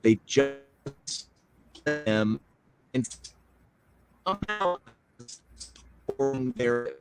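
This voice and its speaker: A man's voice: medium pitch, big pitch swings, very slow, over music, rough recording. A man speaking as a guest on a call, hesitant and earnest, his voice breaking up and cutting in and out over a bad connection. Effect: choppy bad connection, cutting in and out. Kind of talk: casual talk on a call.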